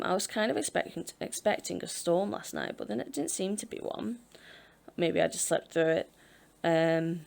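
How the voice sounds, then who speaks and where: A woman's voice: fairly low pitch, creaky. A woman in her twenties with a British accent, chatting casually and rambling over a video game build, laughing now and then. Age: 20s. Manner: rambling, chatty, self-deprecating, laughs often. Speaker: Sims speed-build YouTuber. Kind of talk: casual chat over gameplay.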